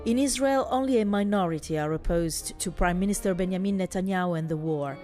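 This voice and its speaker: Low-pitched woman news narrator. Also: fairly quick, music in the background. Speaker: reporter.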